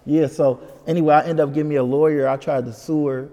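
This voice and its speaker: A man telling a story as an interview guest, animated and full of "you know what I'm saying.". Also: fairly high pitch, quick pace, big-room sound, a crowd in the background. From Detroit. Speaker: comedian guest.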